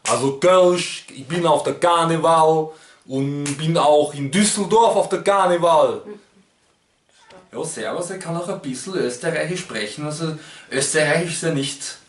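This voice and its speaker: A language YouTuber from Munich with a Bavarian accent playfully imitates German regional dialects in a casual vlog, hopping from one voice to the next. His pitch is fairly high and his pace moderate. He sits a bit off-mic and far away in an echoey room, with a little hiss or hum.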